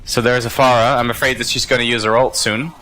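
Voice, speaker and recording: A man's voice: mid-range voice, level tone, quick pace, pushed and bright, poor audio. A man giving reflective, self-critical commentary on his own match, with hesitant fillers between thoughts. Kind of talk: gameplay commentary.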